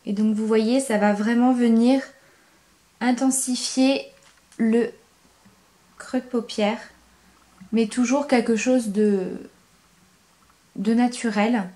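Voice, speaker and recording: A woman's voice: a little high, steady tone, slow pace, long pauses, mellow. Chatty French-speaking woman doing makeup. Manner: enthusiastic, repeats words for emphasis; frequent hesitations with "euh". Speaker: beauty vlogger. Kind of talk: makeup tutorial.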